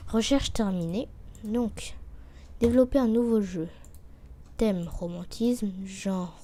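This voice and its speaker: A woman giving casual commentary while playing a game, reading the on-screen text aloud and muttering to herself, sometimes dropping to a quiet whisper as she thinks. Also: mid-range voice, takes it slowly. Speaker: let's play gamer.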